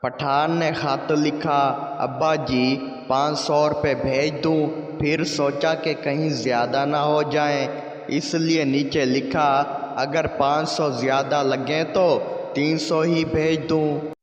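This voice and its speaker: A man reading a string of short jokes aloud in a slow, even delivery. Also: on the high side. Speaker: joke reader. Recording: echoey long reverb, dull lo-fi.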